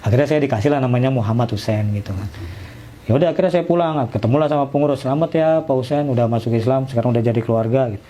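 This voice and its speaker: A man's voice: medium pitch, very fast, mellow. A middle-aged man, casually telling his own story and acting out the dialogue. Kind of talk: casual personal testimony.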